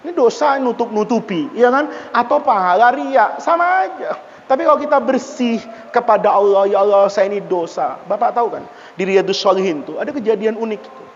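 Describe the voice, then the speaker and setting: A man preaching a lively mosque sermon on a classical text, telling stories and acting out voices, often addressing his listeners directly. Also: fairly quick, a little hiss or hum. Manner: animated, swings between loud exclaiming and soft low narration. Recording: dull lo-fi audio with long hall reverb.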